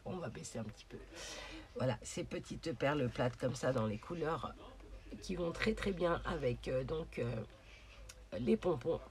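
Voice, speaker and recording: A woman's voice: a bass voice, animated, a little slow, crowd noise. A woman hosting a casual crafting tutorial, chatty and hesitant, with many fillers as she talks through her project. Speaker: craft channel host.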